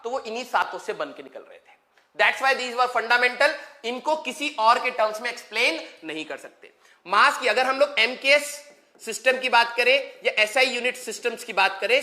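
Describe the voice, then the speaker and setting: A man's voice: extremely high pitch, bright, forceful tone. A man teaching a live online physics lecture, joking with students and mixing English terms into his explanations. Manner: playful, joking, mixes English terms into speech.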